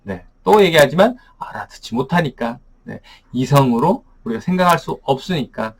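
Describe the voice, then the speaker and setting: A man's voice: mid-range voice, expressive, moderate pace, slightly rough. A man teaching as a pastor, explaining Bible verses in a daily study, asking rhetorical questions and often saying "ne".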